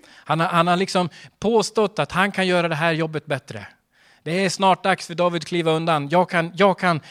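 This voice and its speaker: Male pastor, fairly high voice, earnest sermon delivery with rhetorical questions and emphatic peaks.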